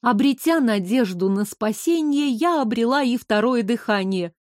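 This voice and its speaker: A woman's voice: on the high side, expressive, moderate pace, a little mellow, no echo. Woman narrating a novel, dry close sound. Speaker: audiobook narrator. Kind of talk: first-person novel narration.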